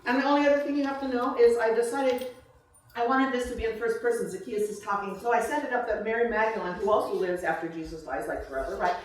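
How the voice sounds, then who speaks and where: At a live book reception, a woman author introduces her own book informally, then slips into a slow literary reading. Her voice is a little high and fast, captured by a distant mic in an echoey room with faint noise.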